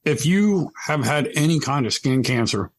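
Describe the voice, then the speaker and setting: A man co-hosting a casual podcast, speaking earnestly and a bit haltingly from his own experience. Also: on the high side, lively intonation. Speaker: podcast co-host.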